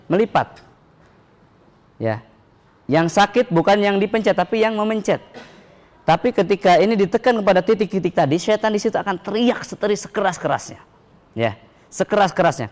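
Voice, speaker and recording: A man who is a religious instructor explains and demonstrates techniques to an audience, speaking to them directly. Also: high-pitched. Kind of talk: training demonstration.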